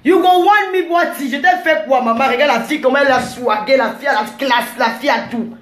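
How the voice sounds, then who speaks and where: A woman, ranting combatively at commenters on a live stream, rambling and breaking into shouts. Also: high-pitched, fast, soft background music. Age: 40s.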